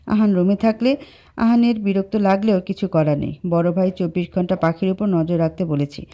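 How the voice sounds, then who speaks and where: Woman narrator, steady storybook reading, mellow and warm, for an audio love story. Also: mid-range voice, normal speed.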